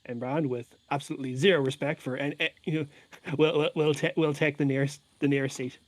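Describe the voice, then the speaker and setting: A man's voice: on the high side, fairly even intonation, brisk. A man playing in a tabletop game, casual and stammering with restarts. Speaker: player. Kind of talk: casual tabletop role-play.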